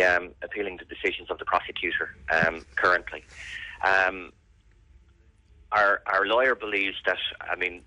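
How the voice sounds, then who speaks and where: Deep-voiced Irish man, earnest and insistent. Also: sharp tone, no room sound, poor audio. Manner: earnest, insistent, repeats phrases for emphasis. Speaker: interviewee, bereaved brother campaigning for an investigation. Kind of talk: serious radio interview answers.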